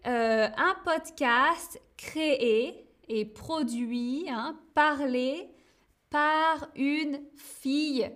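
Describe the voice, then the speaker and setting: A woman teaching learners, speaking slowly and deliberately, repeating words and tagging phrases with little fillers. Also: high voice, fairly bright tone. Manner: slow and deliberate, repeats words, frequent "hein" and "euh". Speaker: French teacher. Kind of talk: slow learner-friendly explanation.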